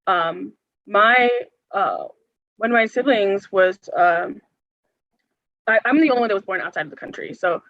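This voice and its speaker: A woman's voice: mid-range voice, normal speed, pauses often, no echo. A young woman from the United States, an organizer, earnestly answering forum questions with many hesitations and filler words. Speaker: health care organizer, forum guest speaker. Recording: dull, muffled sound.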